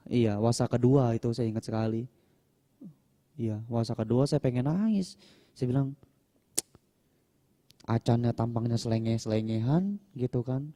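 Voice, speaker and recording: In a Q&A talk, a young man in the role of a monk tells casual stories, chatting easily and mimicking the people he quotes in a higher pitch. His middle-pitched voice is very dark and mellow, at a moderate pace with frequent pauses. Because he isn't using a microphone, he occasionally comes through more faintly.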